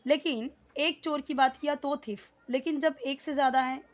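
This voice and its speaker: A woman's voice: sits high, fairly even intonation, normal speed. A woman teaching English in Hindi, repeating words and explaining them patiently with many fillers.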